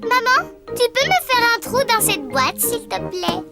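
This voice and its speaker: A woman's voice: very high voice, big pitch swings, measured pace, exaggerated voice. A woman voicing Peppa Pig, a cheeky, bossy little girl piglet in a children's cartoon, giggling as she talks. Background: children's cartoon music.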